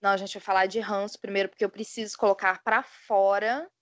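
A woman's voice: mid-range voice, level tone, brisk, no room sound. A woman with a Brazilian Portuguese accent, a podcast guest, chatting casually in blunt, rambling bursts. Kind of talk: casual chat.

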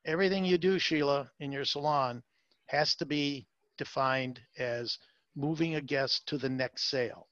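A man's voice: mid-range voice, fairly even intonation, unhurried, fairly bright tone, dry recording, dull audio. A man being interviewed as a salon marketing consultant, talking emphatically with many fillers and repeated words. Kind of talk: interview, advice talk.

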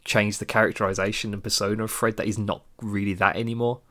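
A man's voice: fairly low pitch, level tone, quick pace, sharp tone. A man co-hosting a podcast, chatting casually about cartoons, rambling and laughing often. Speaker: podcast co-host.

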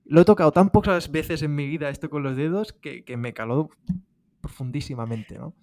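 A man's voice: fairly high pitch, normal speed, darkish tone, no room sound. Reflective man, dry close sound. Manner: reflective, searching for words. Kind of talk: casual chat.

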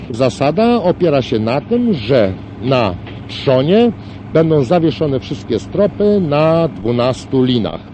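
A company director, a man with a mellow, slightly high voice, answers in stiff official phrasing. His pitch swings widely, and faint hiss from old worn tape sits under the sound. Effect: played from old worn archive tape. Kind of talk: formal archive interview answers.

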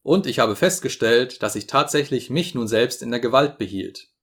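A man's voice: mid-range voice, lively intonation, normal speed, fairly bright tone. A man voicing a pompous, self-satisfied elderly male professor in a grandiloquent, lecturing manner, read from a storybook.

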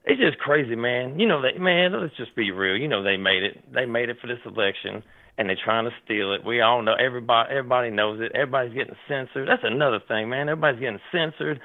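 A gravelly, hoarse-voiced Tennessee man phones a talk show, and the line sounds tinny. He speaks fast at medium pitch, rambling, animated and agitated, with frequent fillers and restarts in this casual call-in chat.

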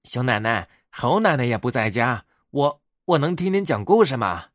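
A man's voice: medium pitch, sing-song, normal speed, no room sound, clean studio sound, natural voice. A man voicing a shy little monkey child in a bedtime story, pleading politely and hesitantly. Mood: shy, hopeful.

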